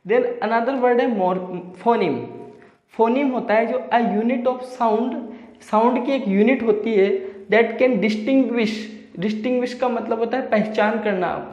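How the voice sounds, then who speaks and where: A male teacher giving an exam-prep lecture, explaining slowly and restating each definition in simpler words. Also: extremely high pitch, a little mellow. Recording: echoey room with long reverb.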